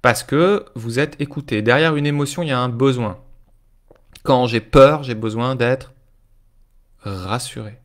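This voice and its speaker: A man's voice: mid-range voice, measured pace, long pauses. Male life coach, casual live-stream talk, speaks straight to viewers and keeps asking if they follow. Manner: informal, addresses viewers directly, often checks in with "ok?".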